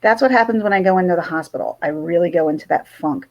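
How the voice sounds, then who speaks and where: A livestream host from South Jersey with a Philadelphia accent leads a casual chat, rambling and restarting in halting bursts. Her voice is lowish and the sound is lo-fi.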